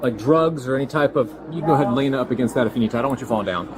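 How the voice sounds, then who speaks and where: A male police officer calmly and haltingly explaining procedure during an arrest, recorded on a body camera. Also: medium pitch. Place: busy airport terminal. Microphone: body-worn camera. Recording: noisy crowded bodycam audio.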